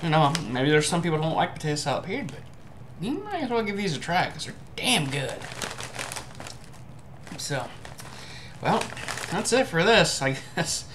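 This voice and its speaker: A man's voice: fairly high pitch, sing-song. Hesitant young man, noisy home recording. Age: young adult. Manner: hesitant, halting, musing. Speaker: amateur food reviewer. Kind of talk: casual chat to camera. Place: indoor room at home.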